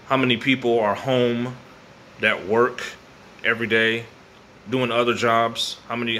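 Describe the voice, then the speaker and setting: An American man in his thirties with a bright, forceful voice talks off the cuff like a vlogger. He is slangy and likes to repeat a phrase for emphasis. The phone recording has some faint ambient noise from an open garage. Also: medium pitch. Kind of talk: casual rambling vlog to camera. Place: open garage at night, windy weather. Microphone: phone at arm's length.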